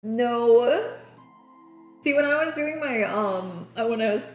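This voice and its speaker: A woman's voice: on the high side, lively intonation, takes it slowly, roomy sound, soft background music. A woman chatting casually while baking on a live stream. She laughs often and pokes fun at herself. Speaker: streamer host. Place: home kitchen.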